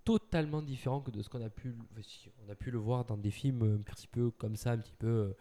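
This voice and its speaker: A man with a very dark, mellow voice chats casually about film news. He is playful and teasing, often laughing as he quizzes his co-host. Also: medium pitch, steady tone, fast.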